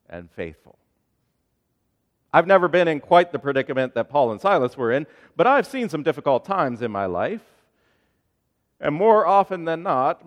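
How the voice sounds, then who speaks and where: Earnest pastor in a reverberant church. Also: male voice, a little high. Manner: earnest storytelling with rising and falling emphasis. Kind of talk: sermon. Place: church sanctuary. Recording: long hall reverb.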